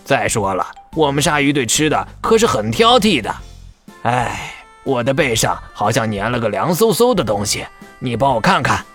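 Guy doing a big grumpy shark for a kids story, blunt n animated, faint music. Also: medium pitch, moderate pace. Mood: grumbling, itchy. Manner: grumbling, exclamatory, blunt. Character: big grumbling male shark, blunt but good-hearted. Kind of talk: children's audio story character acting.

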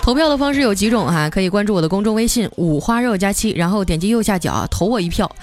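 A woman hosts a comic storytelling podcast in a chatty, joking way. Her pitch sits in the middle, and music plays clearly under her voice. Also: expressive, fast. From Northeast China. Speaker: podcast host.

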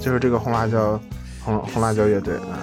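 A man's voice: lowish voice, steady tone, quick pace, over music. A man co-hosting a podcast in casual chat. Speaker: podcast co-host.

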